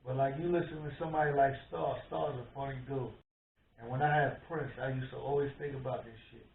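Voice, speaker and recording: Gravelly and mid-range, this man's voice moves at a quick pace with a little hiss or hum behind it. In a casual podcast chat he's a co-host and lively storyteller, performing the voices of the people in his stories. He sounds far away in an echoing room, with a thin, phone-like quality.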